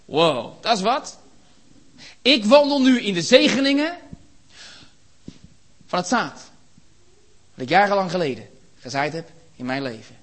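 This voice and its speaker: Impassioned high-voiced preacher man. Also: lively intonation, measured pace, pauses often. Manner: impassioned, builds to shouts and rhetorical questions. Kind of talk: sermon.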